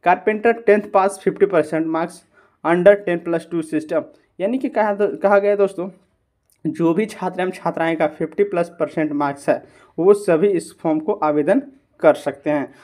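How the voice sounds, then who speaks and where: A man's voice: sits high, normal speed, a little mellow. A man hosting a screen-recorded tutorial, talking viewers through steps and often asking and answering his own questions. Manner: repeatedly addresses viewers as friends, asks and answers own questions. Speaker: YouTube channel host.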